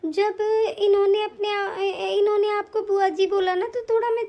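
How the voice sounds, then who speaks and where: A gentle young daughter-in-law in a cartoon speaks in a high, soft voice, voiced by a woman. She sounds meek and apologetic, quick to smooth things over. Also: little pitch movement. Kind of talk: cartoon voice acting.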